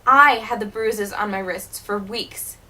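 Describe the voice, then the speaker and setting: A woman playing a wounded, wry teenage girl who was once a child stage performer, delivering a dramatic monologue in a bitter, halting way. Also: medium pitch, bright, forceful tone, rough recording. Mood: hurt, bitter. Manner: bitter, hurt, halting with repeated words.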